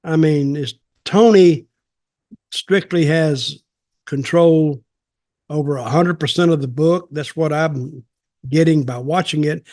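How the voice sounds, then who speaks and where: Slow-paced and a little mellow, a man in his seventies with a slightly high voice rambles on a podcast, offering blunt, folksy opinions in casual conversation. He co-hosts and tells wrestling stories. The recording, made over a video call in a small home office, is dry with no echo.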